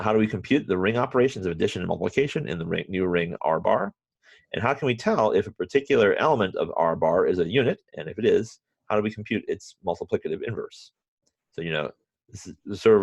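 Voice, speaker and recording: A man teaching a university math class remotely, halting often with restarts and fillers, and dropping wry, self-mocking asides. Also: deep voice, lively intonation, vocal fry, husky, dry recording, dull audio. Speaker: math professor.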